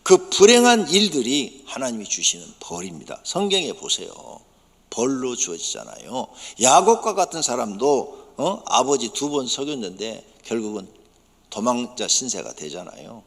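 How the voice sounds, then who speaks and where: A man preaching a sermon as pastor, emphatic, dropping to soft low asides and rising to sudden loud bursts. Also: huge pitch swings, moderate pace, vocal fry, slightly rough. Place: church sanctuary. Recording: church sanctuary with long reverb.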